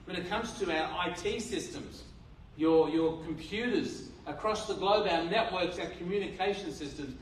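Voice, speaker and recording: A high-voiced Australian man preaches as pastor in a church hall, earnest throughout. He leans on rhetorical questions and repeatedly restarts his phrasing, speaking into a handheld mic. The recording, taken from a distance in the roomy hall, has a bit of hiss or hum.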